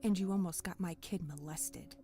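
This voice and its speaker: A man's voice: high-pitched, moderate pace, dark tone, soft background music, pitched above the performer's own voice. A man voicing a tough middle-aged mother who talks bluntly and swears. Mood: angry. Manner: blunt, cursing.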